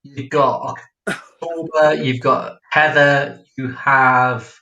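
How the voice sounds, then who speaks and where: A man's voice: medium pitch, fairly even intonation, slow, pushed and bright, dull audio. A man hosting a casual livestream chat as a drag queen, giggly and chatty, reading out viewer comments. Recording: echoey room.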